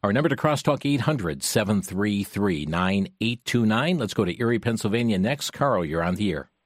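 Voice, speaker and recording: A man hosting a call-in talk radio show with a smooth radio host delivery, steady and unhurried, with frequent filler pauses as he reads stories and takes listener calls. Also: lowish voice, dry recording, clean studio sound. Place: radio studio. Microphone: studio microphone.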